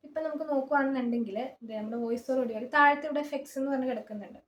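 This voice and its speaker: A woman's voice: high-pitched, rapid-fire, roomy sound, slight background noise. A woman singer giving a chatty, informal app tutorial and often pointing things out as she shows them. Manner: chatty and informal, often saying "see" while showing things. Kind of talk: casual screen-recorded tutorial. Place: small closed room.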